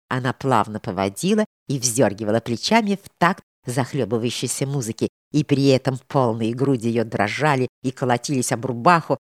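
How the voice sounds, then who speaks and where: A woman with a strikingly deep voice narrates a storybook with measured, expressive phrasing and a lively melodic line. The recording is dry and close. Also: no echo. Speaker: reader. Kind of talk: audiobook narration of a historical novel.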